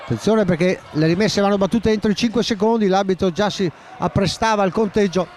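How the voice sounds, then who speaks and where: A man doing live play-by-play commentary of a futsal match, excitable and often shouting as the action builds. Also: sits high, slight background noise. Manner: excitable, shouts at key moments, names players rapidly.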